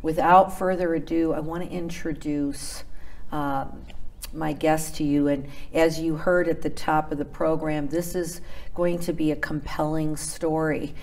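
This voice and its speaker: Slow, low-voiced woman host preaching. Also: level tone, a little mellow. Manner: earnest, preachy, gesturing as she talks. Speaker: TV ministry host. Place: TV studio set.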